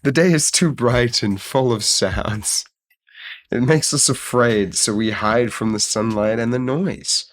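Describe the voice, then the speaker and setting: A man voicing a gentle, sleepy-eyed sloth in a storybook reading, speaking slowly and softly. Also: mid-range voice, no room sound, close to an everyday voice. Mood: timid. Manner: slow, soft and pleading. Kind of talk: storybook voice acting.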